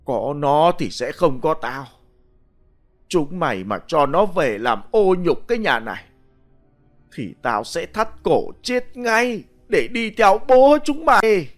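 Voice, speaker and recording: A man's voice: fairly high pitch, lively intonation, a little slow, pauses often, fairly bright tone, faint music behind. A man voicing a grieving old village widow who pleads through sobs. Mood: furious.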